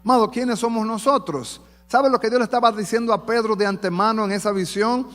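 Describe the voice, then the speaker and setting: A man preaches with fervor from a church sanctuary, his voice sitting high for a man. He speaks straight to the congregation as a pastor. Long reverb trails off the walls of the hall. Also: brisk, a bit bright. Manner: fervent preaching, calls the congregation "amado". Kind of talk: sermon.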